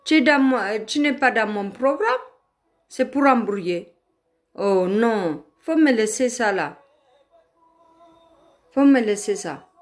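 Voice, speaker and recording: A woman's voice: a little high, lively intonation, slow, pauses often. A woman from Ethiopia whose first language is Amharic, talking to her viewers in a confrontational way and repeating her warnings over and over. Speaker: vlogger. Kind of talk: casual talk to viewers.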